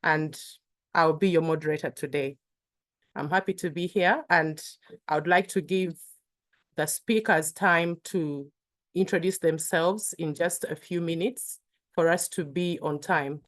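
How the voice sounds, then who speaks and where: A woman's voice: sits low, fairly even intonation, measured pace. Woman moderating a webinar. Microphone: video call.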